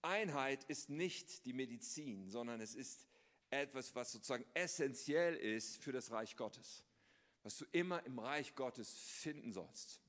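A married man preaching as a guest pastor. He moves between loud, emphatic reading and a hushed, quiet prayer voice. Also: medium pitch, expressive, unhurried, long reverb tail. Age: adult, married. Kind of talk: sermon with prayer. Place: church.

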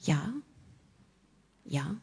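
A woman preaches a sermon to her congregation, posing rhetorical questions and sliding from emphatic lines into hushed whispers. She draws out her words.

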